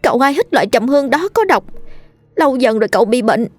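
A woman's voice: sits high, expressive, fast, no echo, soft background music, voice pushed up. Woman doing a terrified stammering servant girl. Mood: frightened. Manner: stammering, trembling. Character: terrified young female servant confessing.

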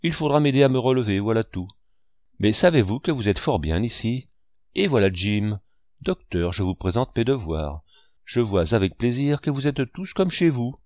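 A man's voice: mid-range voice, lively intonation, normal speed, a little mellow, no room sound, natural voice. A man voicing a sly one-legged pirate cook who speaks with ingratiating, false courtesy in an audiobook reading. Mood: wheedling.

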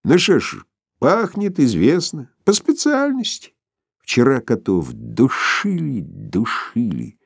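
A man reading an audiobook voices a crude, cowed young man with a hoarse, rasping voice. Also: medium pitch, wildly swooping pitch, slow, dry recording, clean studio sound, voice pushed up, heavily acted. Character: coarse crude young man, former dog. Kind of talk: audiobook character voice.

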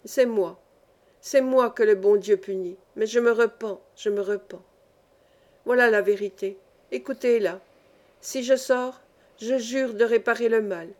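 A woman's voice: fairly high pitch, a little slow, a little mellow, close to an everyday voice. A woman voicing a huge, strong male miner who pleads and confesses, repeating himself, in an audiobook. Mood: pleading confession.

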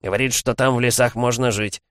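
A man voicing a calm, scornful male warrior who speaks with quiet mockery in an audiobook. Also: mid-range voice, brisk, no echo, studio quality, voice pushed up, lightly acted. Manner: calm, scornful, lightly mocking.

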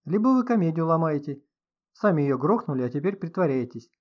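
A man's voice: fairly high pitch, sing-song, fairly quick, lo-fi sound. A man reading an audiobook, voicing a blunt, impatient, angry man. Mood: accusing. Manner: curt, irritated.

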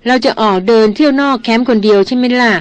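A woman's voice: a little high, quick pace, close to an everyday voice. Woman reading as a frank, reproving young man. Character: frank young man, brother's friend, chiding.

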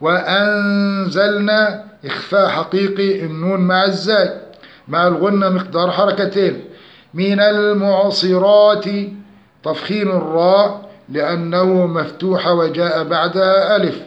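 A man teaching Quran recitation rules, chanting verses slowly and drawn out, then explaining them quickly. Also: high voice, steady tone. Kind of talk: tajweed lesson with recitation. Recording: roomy, dull lo-fi sound.

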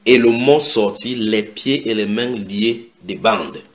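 A man preaching a sermon, retelling scripture dramatically with sudden shouted quotes and direct questions to his listeners. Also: lowish voice, takes it slowly. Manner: asks the audience direct questions. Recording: echoey room.

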